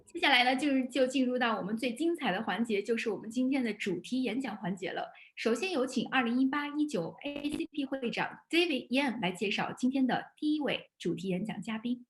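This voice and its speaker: A woman emcee, her voice set a bit high, switches between two languages to move a formal ceremony along. She names sponsors and presenters in a polished announcing manner. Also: lively intonation, a little fast, few pauses.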